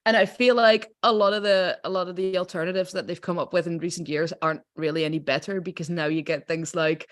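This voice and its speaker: A woman's voice: on the low side, steady tone, fast talker, hardly any pauses. A woman in casual group chat, explaining things in an amused, conversational way.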